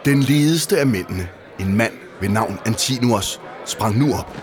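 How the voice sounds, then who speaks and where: Man calmly reading a storybook aloud. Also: on the low side, background noise. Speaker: narrator. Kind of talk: storybook narration.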